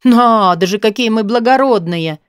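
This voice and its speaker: A woman voicing a blunt, excitable young female student who bursts out loudly and mocks. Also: on the high side, moderate pace, dry recording, clean studio sound, close to an everyday voice. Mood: mocking. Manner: loud, indignant, mocking outbursts.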